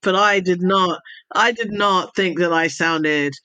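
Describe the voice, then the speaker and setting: This middle-aged woman, a podcast guest who works as an intelligence advisor and speaker, has a low-leaning voice that is bright, forceful and smooth, delivered at a measured pace. She tells her story chattily, drifting into asides, in an accent mixing British and American from a childhood spent in the Middle East, Europe and the United States. The sound is dry.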